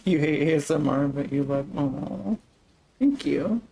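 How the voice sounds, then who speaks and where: A man hosting a relaxed gaming livestream, soft-spoken and unhurried, chatting to viewers as he builds and chuckling often. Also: fairly high pitch, vocal fry, a little hiss or hum, rough recording. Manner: talks through building steps to viewers. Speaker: livestream host.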